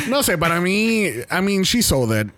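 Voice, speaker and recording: A Puerto Rican man hosts a chatty commentary in Spanglish, slipping between Spanish and English. His voice sits fairly high and moves with big, lively swings of pitch. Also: no room sound. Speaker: podcast host. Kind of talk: casual pop-culture commentary chat.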